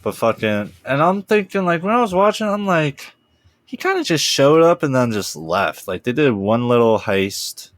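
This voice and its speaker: A man's voice: medium pitch, very animated, normal speed, dry recording, studio quality. A man co-hosting a cartoon review podcast, chatting casually, swearing and laughing as he rambles. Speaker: podcast co-host. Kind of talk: casual chat.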